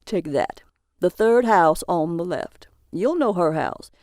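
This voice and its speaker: A woman doing a blunt, slow old townsman. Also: on the low side, animated, darkish tone, no room sound, studio quality. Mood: reluctant directions. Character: weary old small-town man, blunt.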